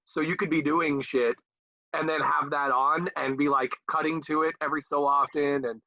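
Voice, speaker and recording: A man's voice: a little high, fairly even intonation, moderate pace, dry recording. A man co-hosting a podcast over a video call, chatting casually in a rambling, laid-back way and swearing freely. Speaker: podcast co-host. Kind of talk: casual chat. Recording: muffled dull video call audio.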